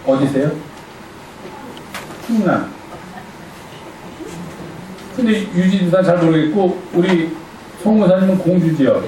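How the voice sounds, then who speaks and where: A man's voice: sits high, expressive, a little slow, pauses often, mellow, far from the mic, a little hiss or hum. A male pastor giving a conversational sermon, playfully quizzing his congregation. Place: church sanctuary. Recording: echoey church hall from afar.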